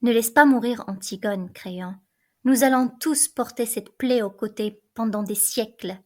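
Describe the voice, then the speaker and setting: A woman reading aloud the part of the chorus, gravely urging the king to show mercy. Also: fairly high pitch, a little slow, a little mellow.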